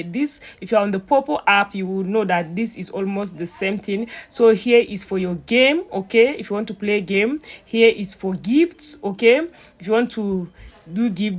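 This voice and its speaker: Chatty woman explaining an app. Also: medium pitch. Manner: chatty, self-mocking, laughs often, filler-heavy. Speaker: YouTuber giving an app tutorial. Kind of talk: casual screen-recorded tutorial.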